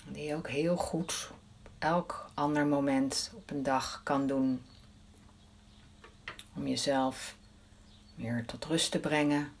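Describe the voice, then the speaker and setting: A woman leading a guided breathing meditation in a soft, soothing voice, counting the breaths aloud. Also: low-pitched, steady tone, slow, pauses often, a little hiss or hum.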